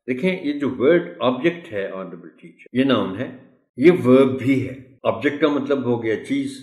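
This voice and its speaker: Slow, deliberate male pronunciation tutor. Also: mid-range voice, echoey room. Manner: slow, deliberate, repeats words to model stress; addresses listeners politely and formally. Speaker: English pronunciation tutor for teachers. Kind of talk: tutorial lesson explaining pronunciation.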